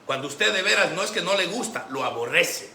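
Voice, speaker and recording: A man preaching a Sunday sermon as pastor, animated, acting out the voices he quotes. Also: on the high side, a little fast, creaky. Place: church sanctuary. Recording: echoey church room with faint background noise.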